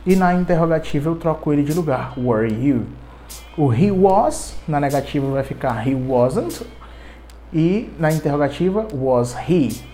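Slow, deliberate Brazilian teacher voice. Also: mid-range voice, warm tone, slight background noise. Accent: Brazilian Portuguese. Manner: deliberate, repeats and spells out words. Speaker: English teacher. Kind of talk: podcast English lesson, drilling verb forms.

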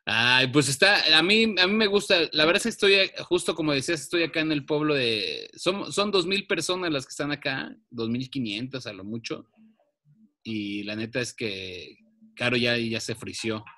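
A man with a Mexican accent co-hosting a casual chat show, laid-back and slangy, with animated bursts. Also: medium pitch, normal speed. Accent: Mexican Spanish. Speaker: podcast co-host.

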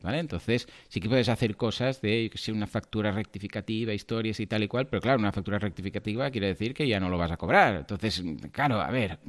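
Lively Spanish man chatting. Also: fairly low pitch. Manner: animated, acts out quoted clients. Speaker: podcast co-host. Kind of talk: casual chat.

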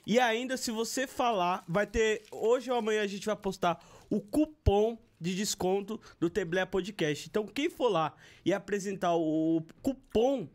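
A man's voice: high voice, a little slow, few pauses. A man hosting a podcast, chatting casually and reading a sponsor plug. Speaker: podcast host. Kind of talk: casual chat and sponsor read.

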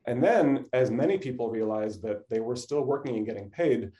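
Speaking at a moderate pace, this male supply chain academic is a guest on an interview, his tone relaxed and mellow with average pitch. His explanations stay conversational and casual, peppered with "you know" and "right" to check in with the listener.

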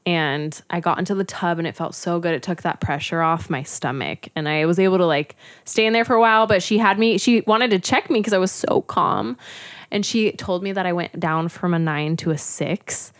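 Young woman guest, lowish voice, dry close sound, chatty and full of "like". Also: no echo. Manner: chatty, frequent "like" fillers. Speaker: podcast guest. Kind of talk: casual personal storytelling.

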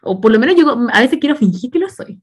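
A woman's voice: high-pitched, very animated, quick pace, breathy edge. A woman with a Chilean accent chatting casually, telling stories in a slangy, laughing way. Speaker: podcast co-host. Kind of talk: casual chat.

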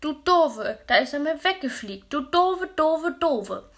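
A woman reading a storybook aloud, voicing a stubborn little boy who whines, sobs and shouts. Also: on the high side, lively intonation, moderate pace, pitched above the performer's own voice. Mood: sobbing angry. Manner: loud, sobbing and scolding.

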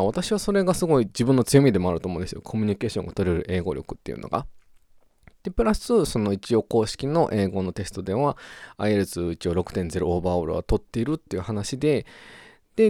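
A man's voice: mid-range voice, no echo, clean studio sound. A young man from Japan hosting a podcast, chatting casually and playfully with silly sound words. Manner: playful, animated, with goofy sound words and wordplay. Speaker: podcast host. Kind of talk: casual solo podcast talk.

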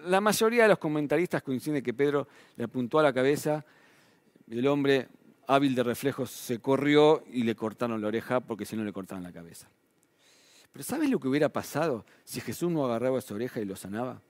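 A man's voice: medium pitch, lively intonation, brisk, no room sound. Rioplatense preacher man, dry close sound. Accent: Rioplatense Spanish. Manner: conversational preaching with tag questions, voice rising and falling for emphasis. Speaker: pastor. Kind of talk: sermon.

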